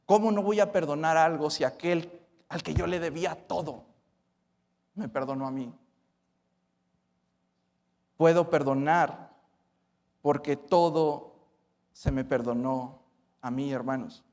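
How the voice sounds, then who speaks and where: A male pastor preaching a sermon, swinging between loud emphatic lines and hushed ones. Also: fairly high pitch, steady tone, slow pace, pauses often. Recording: church hall reverb.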